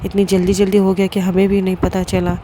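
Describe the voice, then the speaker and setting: A quiet, tired young woman in a spoken storybook, answering with hesitant pauses in a flat tone, as a woman narrator plays her. Traffic noise is plainly audible. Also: medium pitch, close to an everyday voice.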